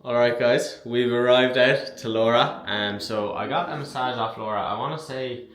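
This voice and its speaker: A young man talking casually to the camera as a fitness vlogger, chatty and excitable, swearing freely. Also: medium pitch, moderate pace. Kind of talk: casual talk-to-camera vlog.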